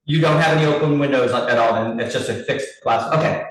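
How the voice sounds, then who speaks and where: Heard through a group video call, a male committee chair at a public meeting reads license terms and takes a vote at an ordinary middle pitch. His delivery is brisk and businesslike, and he restarts slightly while reading lists. The mic is far off in a very echoey room, with faint background noise.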